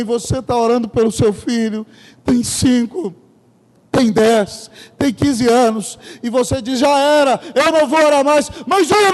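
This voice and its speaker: A man's voice: very high-pitched, a little mellow. A man preaching a sermon as pastor, telling stories emphatically and turning often to the congregation. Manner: emphatic storytelling, often addressing the congregation directly. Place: church sanctuary. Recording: long church hall reverb.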